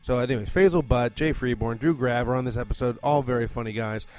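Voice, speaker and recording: A man's voice: medium pitch, quick pace, darkish tone. Rambling, profane man hosting a podcast. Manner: chatty, profane, rambling with many fillers. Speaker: podcast host and producer. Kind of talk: casual rambling monologue. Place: condo at home.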